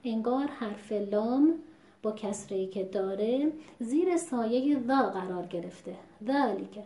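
A woman teaching Quran recitation in a measured, patient lesson, stopping to sound out words as examples. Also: fairly high pitch, lively intonation, dark tone. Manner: measured, patient, demonstrates pronunciations aloud. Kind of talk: explanatory lesson. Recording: echoey room.

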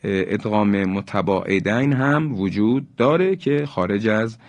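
Male recitation teacher, lowish voice, dry studio sound; fast explanations broken by slow, chanted sample words. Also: expressive, no echo. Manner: explains in quick bursts between examples. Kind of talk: recorded tajweed lesson.

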